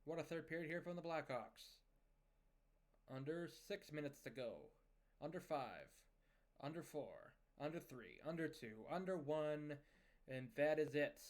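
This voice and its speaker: A young man gives casual play-by-play over a hockey management video game, recapping scores and lineup changes in a steady, conversational way. His voice is on the high side and his pace measured.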